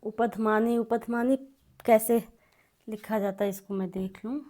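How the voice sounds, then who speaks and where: A woman's voice: a little high, fairly even intonation, measured pace, warm tone. A woman teaching Sanskrit sounds, reciting and repeating terms while writing on the board.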